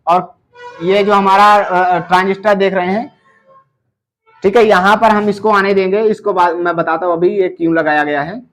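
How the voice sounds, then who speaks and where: A man walks through a circuit repair lesson in a fairly high voice. He talks in a patient, step-by-step tutorial manner, filling pauses with short check-ins to the viewer. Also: fairly even intonation, a bit bright, soft background music. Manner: explains slowly, filling gaps with "theek hai" and "doston". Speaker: electronics repair teacher.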